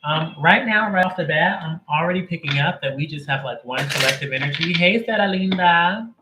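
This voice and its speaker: Before starting his livestream reading, a tarot reader greets viewers by name, chats casually, and jokes around. He talks a little fast in a voice on the high side, with noise in the background.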